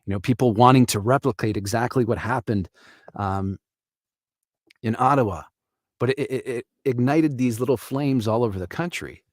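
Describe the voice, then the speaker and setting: A man's voice: mid-range voice, moderate pace, no room sound, studio quality. Earnest man hosting a live stream. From Canada. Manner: earnest, reflective. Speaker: livestream host. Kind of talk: casual live stream commentary.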